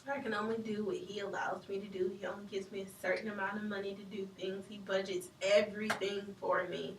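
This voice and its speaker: An actress playing a frustrated wife in a marriage-counseling role-play, speaking curtly and with grievance. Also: female voice, mid-range voice, level tone, brisk, close to an everyday voice. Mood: aggrieved. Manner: curt, aggrieved. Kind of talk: amateur improvised role-play. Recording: echoey room, distant mic, faint noise.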